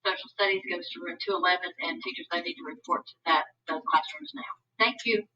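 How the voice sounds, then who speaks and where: A woman making an announcement to teachers and students over a school intercom, speaking plainly with a few fillers. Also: fairly low pitch. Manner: plain, informative, slightly halting with fillers. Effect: school intercom loudspeaker. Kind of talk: public announcement. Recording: distant lo-fi intercom speaker picked up in a room.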